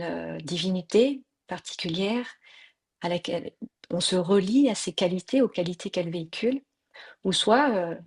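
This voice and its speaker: A woman's voice: on the low side, breathy edge. Patient woman teaching on a video call. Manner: patient, explains pronunciation slowly, many fillers. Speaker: mantra and yoga teacher. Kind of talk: online workshop teaching.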